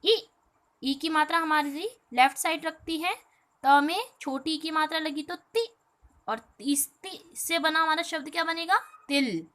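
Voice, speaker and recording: A woman teaching a primary school lesson, explaining slowly, drawing out letter sounds and asking questions she answers herself. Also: high-pitched, fairly bright tone. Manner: explains slowly, often asks and answers her own questions; addresses pupils as "beta". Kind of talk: recorded online class lesson.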